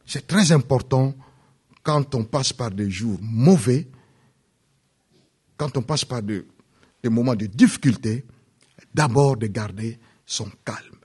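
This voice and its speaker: A man preaching a sermon, repeating phrases and swinging from loud peaks to hushed drops. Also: medium pitch, animated, slow, pauses often, husky. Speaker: pastor.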